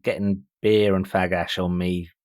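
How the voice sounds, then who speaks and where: A man's voice: sits low, flat delivery, unhurried, darkish tone, clean tone, no room sound, clean studio sound. A middle-aged man, chatting casually and telling anecdotes as a music show host. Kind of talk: casual chat.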